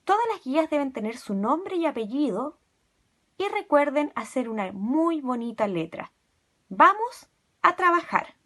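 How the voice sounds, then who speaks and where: A woman's voice: high voice, animated, moderate pace. A female teacher introducing a lesson to children and giving encouraging instructions.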